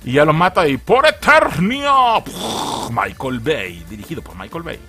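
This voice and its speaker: A man with a Mexican accent reviewing a cartoon in loose, profane chat. His higher voice leaps around with lively swings, and its bright edge carries his frequent laughs. Faint music plays behind him. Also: measured pace. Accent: Mexican Spanish. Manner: profane and joking, laughing often. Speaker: video reviewer. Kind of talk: casual spoken review.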